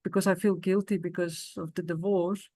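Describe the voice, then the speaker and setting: A woman guest on a podcast, speaking slowly and haltingly as she shares her parenting experience. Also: fairly low pitch, flat delivery, dark tone, no echo. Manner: slow and measured, halting. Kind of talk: casual conversational sharing.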